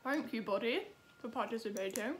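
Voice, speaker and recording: A young British woman vlogs to camera in a casual, informal chat, poking fun at herself. Her voice is fairly high and brisk, with slight background noise.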